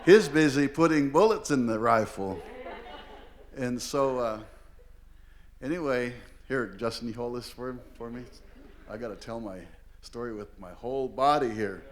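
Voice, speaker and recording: An older man from Oregon tells a story before a live audience, rambling along with plenty of "you know"s and "uh"s. His pitch sits mid-range for a man, and his telling is humorous and unhurried. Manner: rambling and humorous, heavy with fillers. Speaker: language teacher and storyteller. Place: performing arts hall, live event.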